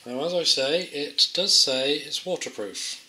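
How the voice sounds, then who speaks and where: Here a man demonstrates a gadget as an amateur tester, casually and without a script, musing aloud in an understated, hesitant manner. His voice is a little high and sharp in tone, with a measured pace, and the recording has a roomy echo, faint background noise, and clicks.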